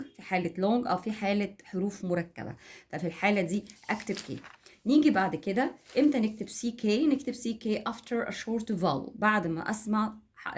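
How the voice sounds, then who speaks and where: A woman's voice: mid-range voice, darkish tone. A woman with an Egyptian Arabic accent, giving a casual English phonics lesson on her home vlog, explaining step by step and often checking that viewers follow. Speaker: home and English teaching vlogger.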